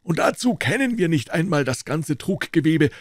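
Man playing a calm old doctor, clinical, persuasive, husky, lively pitch, dry sound. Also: normal speed, dry recording. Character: old male doctor, cool, calm, unshakable.

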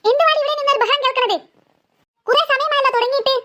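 A woman's voice: extremely high pitch, fast talker, heavy background noise. Woman doing a scolding short-tempered cartoon mother. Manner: sharp scolding, exasperated. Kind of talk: cartoon voice acting.

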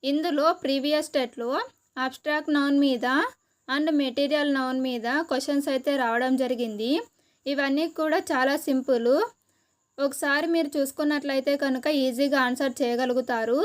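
A woman with a Telugu accent teaching an exam-preparation lesson, listing terms slowly one by one. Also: high-pitched, fairly even intonation.

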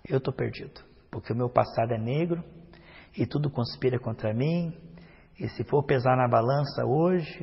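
Preaching pastor in an echoing hall. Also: male voice, medium pitch, gravelly, breathy edge. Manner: preaching with wide swings from loud outbursts to hushed prayer. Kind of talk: sermon. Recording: dull lo-fi sound with long hall reverb.

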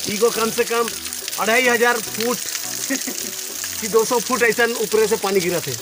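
Slow-talking young man praising a waterfall. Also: sits high, steady tone, over loud music. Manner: enthusiastic, praising the scenery. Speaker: friend on the hike. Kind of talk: casual outdoor chat. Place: outdoors by a waterfall.

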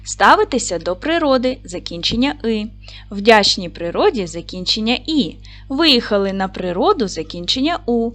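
Woman teacher, animated and encouraging, clear classroom delivery, faint music under the voice. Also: on the high side, normal speed. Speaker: primary school teacher. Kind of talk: recorded video lesson for children.

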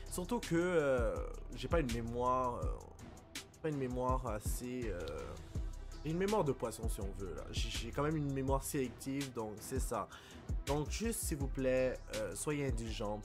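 A young man with a Québécois French accent giving casual reaction commentary, excitable and apologetic, blurting out English exclamations. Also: medium pitch, unhurried, music in the background. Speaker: anime reaction YouTuber.

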